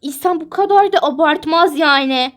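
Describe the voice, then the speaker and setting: A woman's voice: high voice, normal speed, fairly bright tone, faint music behind. A woman playing a soothing teen best friend. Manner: soothing, reassuring. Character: sympathetic teenage girl best friend. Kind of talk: toy-game role-play.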